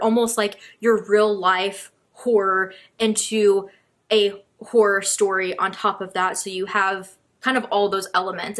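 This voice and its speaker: A woman's voice: mid-range voice, a bit bright. A young woman chatting casually through a book review vlog, with lots of ums and likes.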